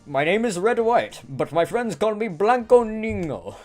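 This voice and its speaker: A man voicing a pompous, long-winded male company boss in a fan reading of a game script, talking slowly in fussy, grand words. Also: high voice, sing-song, crowd noise. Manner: slow, grandiose, fussy wording.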